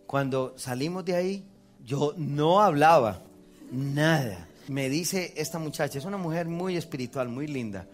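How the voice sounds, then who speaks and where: His male voice a little high, a Colombian priest preaches his testimony to the congregation with lively intonation at a measured pace, his Colombian Spanish accent clear. He acts out quotes and laughs at himself as soft music plays behind him.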